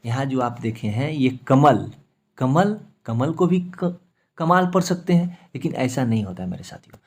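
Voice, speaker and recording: Here a man with an expressive, darkish mid-range voice talks at normal speed through an English spelling lesson. He breaks things down step by step, spells names out letter by letter, and keeps checking in with his students using "ठीक है" and "मेरे साथियों" repeatedly.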